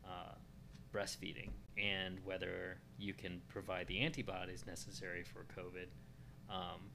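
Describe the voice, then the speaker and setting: Man, very deep voice, casual talk, lots of ums, clear background noise. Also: flat delivery. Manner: hesitant, fills pauses with um and uh. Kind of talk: casual conversation.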